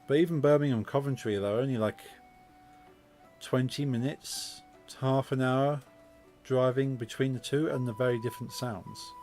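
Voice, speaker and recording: A man with a Midlands English accent, chatting casually as a game streamer and speaking with deliberately clear, precise diction. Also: medium pitch, fairly even intonation, a little mellow, soft background music. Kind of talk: casual chat while gaming.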